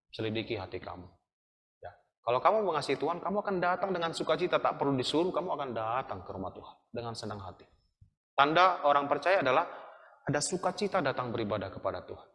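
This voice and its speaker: A man's voice: on the high side, a bit bright. A man with an Indonesian accent, teaching a Sunday school sermon to young people in an earnest, admonishing way. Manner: earnest, admonishing, asks the listeners questions. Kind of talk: sermon to youth. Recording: long hall reverb.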